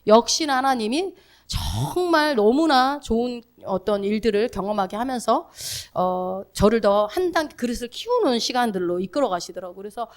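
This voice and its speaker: A middle-aged woman pastor giving a sermon in a church, telling a personal story with lively acted-out quotes. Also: on the high side, normal speed. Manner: animated storytelling, acts out her own and others' quoted lines.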